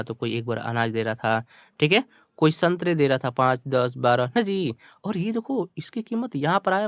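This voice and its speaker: Reading an English story deliberately, word by word, a male Indian tutor whose first language is Hindi explains each phrase in Hindi, repeating himself in a colloquial style. His fairly high voice swoops lively, captured close and dry without echo.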